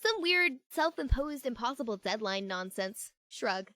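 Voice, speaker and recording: A woman gives a full character voice to a young woman in a fan audio drama, with a fairly high, sharp tone and an unhurried, sing-song lilt. She sounds earnest, friendly, newly assertive, chatty and fond, speaking emphatically in an everyday manner. The recording is close and dry.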